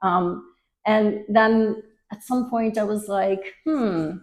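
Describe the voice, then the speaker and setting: A woman's voice: mid-range voice, slow, poor audio. A middle-aged woman from Belgium with a slight Belgian accent, chatting casually as an interview guest with many fillers. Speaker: guest, luxury travel advisor.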